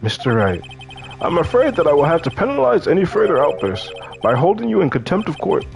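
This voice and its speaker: A meek old judge, flustered and quick to agree, his voice pitched up and a bit reedy, as a man puts him on. He speaks formally, with small apologetic hesitations. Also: huge pitch swings, gravelly, exaggerated voice.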